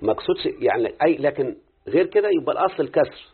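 An Egyptian man leads a live lesson, explaining grammar quickly and breaking off often to ask whether his student understands. His voice is husky, and the recording is thin and tinny, like a phone line. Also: mid-range voice, animated. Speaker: teacher of Quranic readings and grammar.

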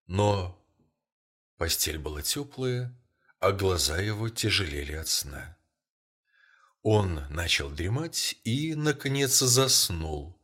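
A man narrating an audiobook story in a measured, somber way. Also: low-pitched, big pitch swings, fairly bright tone.

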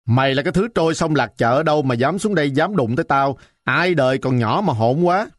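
A man voicing a shrill, sour-tongued old woman who bullies a village market, scolding and threatening. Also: expressive, brisk, no echo, clean studio sound. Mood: furious.

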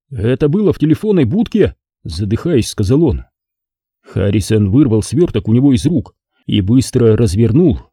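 A man narrating a crime novel as an audiobook in a measured, expressive reading, close to the mic. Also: mid-range voice, husky, no room sound.

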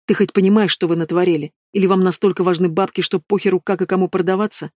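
A menacing, contemptuous bandit boss, read by a man in an audiobook. He mocks and threatens in a fairly high male voice, recorded dry and close with no room sound. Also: steady tone, fast talker, darkish tone, no room sound, close to an everyday voice. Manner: mocking, low and threatening. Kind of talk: audiobook reading.

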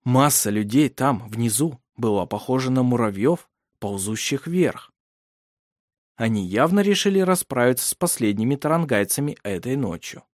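A man narrates an audiobook with steady, measured drama in his reading. His voice sits at a middle pitch. The recording is dry and close, with no room sound. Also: no echo.

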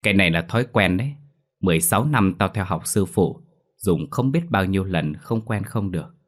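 A man's voice: deep voice, animated, brisk. A man voicing a stern young male exorcist who talks in a brusque, commanding way, in a spoken ghost story.

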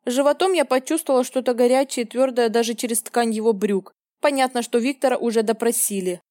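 Expressive female audiobook narrator. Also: fairly high pitch, brisk, dry recording, studio quality. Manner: emotional, expressive reading. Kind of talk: first-person audiobook narration.

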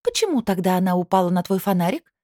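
A woman voicing a spiteful, suspicious female assistant in an audiobook, asking sharp, accusing questions. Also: lowish voice, sing-song, fast, no room sound, studio quality, pitched above the performer's own voice. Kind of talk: audiobook character voice.

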